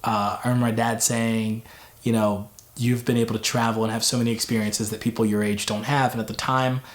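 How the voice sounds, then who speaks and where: A man's voice: mid-range voice, little pitch movement, a little fast. Young man telling his story, echoey. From Tanzania. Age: 20s. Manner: rambling, frequent restarts. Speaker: former missionary kid sharing testimony. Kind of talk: personal testimony. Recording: roomy echo.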